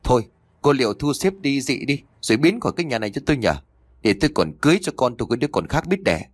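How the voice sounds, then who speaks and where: A man voicing a spiteful, scornful middle-aged mother-in-law, nagging venomously and fast in a storybook reading. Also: mid-range voice, very animated, dry recording.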